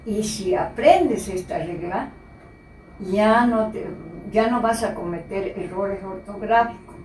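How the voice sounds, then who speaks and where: A woman teacher giving a slow, patient spelling lesson and repeating the key words. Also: mid-range voice, darkish tone, a little hiss or hum. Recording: echoey room, voice from a distance.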